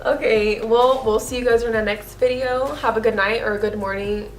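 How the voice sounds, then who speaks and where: A woman's voice: a little high, steady tone, normal speed. A woman co-hosting a beauty vlog, chatting casually and gushing about products with lots of "like". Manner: gushing, filler-heavy with frequent "like". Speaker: beauty vlogger co-host. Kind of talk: casual chat.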